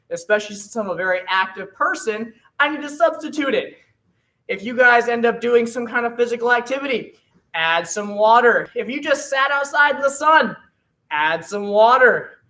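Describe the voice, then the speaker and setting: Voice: medium pitch, sharp tone, far from the mic, poor audio. A martial arts instructor coaching an online class, upbeat and encouraging, calling out drills and counting down.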